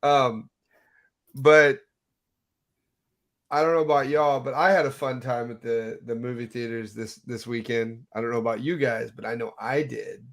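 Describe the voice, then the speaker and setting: A man's voice: mid-range voice, fairly even intonation, moderate pace. A man in his late thirties hosts a podcast in chatty, casual talk over a video call. He pokes fun at himself and laughs easily as he rambles along. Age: 30s. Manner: chatty, self-deprecating, laughs often. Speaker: podcast host. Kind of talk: casual chat.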